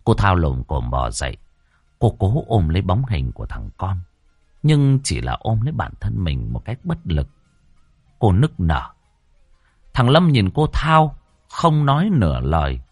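A man narrating a ghost story in an expressive, dramatic way, close to the microphone. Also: sits low, measured pace, breathy edge, dry recording.

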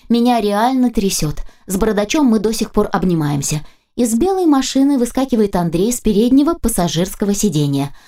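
A woman reading a first-person audiobook aloud in a lively, ironic manner. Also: medium pitch. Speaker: audiobook narrator.

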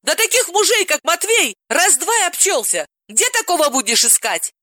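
A woman voicing an excitable, gossipy woman friend who gasps and exclaims dramatically in an audiobook. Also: very high-pitched, normal speed, voice pushed up, exaggerated voice. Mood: dramatic. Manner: gasping, exclaiming, over-dramatic.

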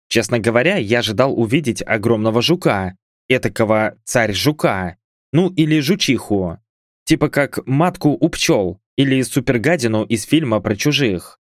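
A man's voice: mid-range voice, no echo, studio quality. A man reading a first-person fantasy audiobook with wry, conversational asides. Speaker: audiobook narrator.

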